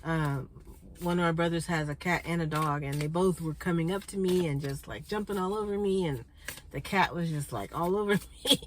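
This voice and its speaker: A woman hosting a spiritual card reading for her viewers, chatty and congested, clearing her throat and often checking in with "okay?". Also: lowish voice, normal speed, a little hiss or hum, low-quality recording. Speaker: spiritual card reader and channel host.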